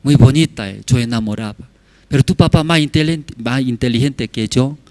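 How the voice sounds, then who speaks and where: A man's voice: medium pitch, brisk, darkish tone, dry recording, natural voice. A man voicing a chatty head of state reminiscing jovially.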